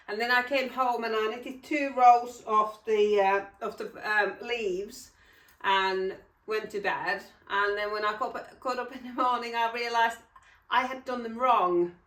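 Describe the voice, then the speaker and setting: A woman's voice: mid-range voice, a bit bright. Chatty woman in an echoey room. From Finland. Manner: chatty, rambling, with frequent ums and self-corrections. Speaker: knitting podcast host. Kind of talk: casual chat. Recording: roomy echo, mic at a distance.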